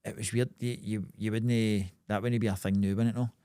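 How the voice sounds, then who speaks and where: A man's voice: lowish voice, flat delivery, fairly quick, warm tone, smooth, no echo. Scottish male podcast co-host, close dry sound, foul-mouthed and jokey, loose comic banter. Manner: sweary, jokey. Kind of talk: casual comedic banter.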